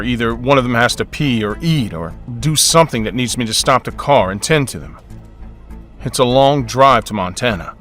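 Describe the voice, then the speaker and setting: Brief: young man, mid-pitched voice, wry and exasperated first-person storyteller. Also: a bit bright. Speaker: narrator.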